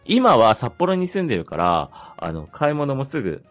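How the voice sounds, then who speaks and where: A man's voice: mid-range voice, huge pitch swings, moderate pace, faint music behind. A man chatting casually about his own life as a panelist, polite and a little hesitant, thinking aloud. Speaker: panelist on a hobby talk show.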